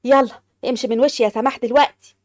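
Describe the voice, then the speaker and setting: A woman's voice: a little high, fairly even intonation, very fast, dry recording, clean studio sound, lightly acted. A woman with an Egyptian accent voicing a bossy, scolding old mother-in-law who grumbles and accuses. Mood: bitter. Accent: Egyptian Arabic.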